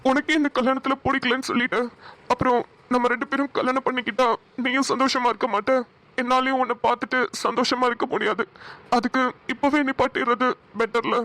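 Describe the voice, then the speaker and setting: A performer voicing a patient young groom who talks softly and reassuringly in a cartoon. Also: high voice, flat delivery, fast talker. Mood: gentle. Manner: soft, reassuring speech. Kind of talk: cartoon voice acting.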